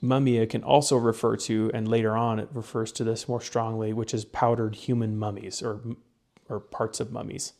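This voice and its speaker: A man's voice: on the low side, little pitch movement, normal speed, vocal fry, a little mellow. A young man co-hosting a casual podcast, explaining research in a rambling way, with lots of fillers and restarts. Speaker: podcast co-host presenting research. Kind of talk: casual chat.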